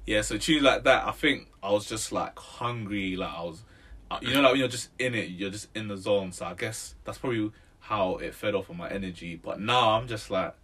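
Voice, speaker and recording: This twenty-something man has a fairly low, bright, pushed voice with a breathy edge, and he talks fairly quickly in a London roadman accent. Being interviewed as a musician, he chats casually in street slang, tagging his sentences with "innit" and "bro."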